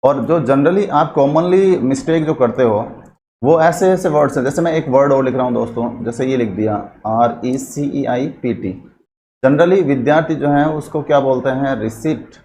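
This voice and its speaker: A man's voice: medium pitch, normal speed, dark tone, a little hiss or hum. Man teaching grammar in a lecture. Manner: asks the class questions and answers them himself; mixes English terms into his Hindi. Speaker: English teacher.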